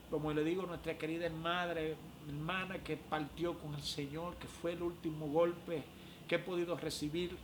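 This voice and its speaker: A man, a prophet giving an emotional religious testimony, often pausing with "eh". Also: a little high, slight background noise. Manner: emotional, frequent "eh" fillers.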